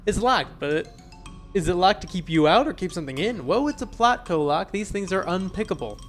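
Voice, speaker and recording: A man playing a video game, reading its text aloud with wry, deadpan asides. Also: sits high, a little fast, faint music behind. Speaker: let's player.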